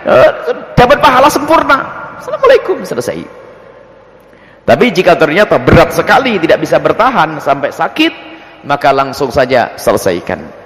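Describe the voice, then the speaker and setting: A man preaching and answering religious questions before a congregation, acting out little scenes as he explains. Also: fairly quick. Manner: lively, acts out scenes with swooping pitch. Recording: long hall reverb.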